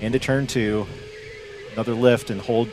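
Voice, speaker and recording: A man hosting and commenting live kart racing from an announcer booth on a headset, talking in a relaxed, chatty way. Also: medium pitch, normal speed, noisy background. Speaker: race commentator and host. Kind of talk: live race commentary and interview.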